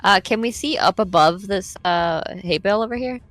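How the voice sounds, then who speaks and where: A woman's voice: mid-range voice, moderate pace, a bit bright. A woman playing a tabletop game, talking through tactics in an easygoing way. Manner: plans tactics aloud, easygoing. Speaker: player. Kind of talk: casual tabletop game play.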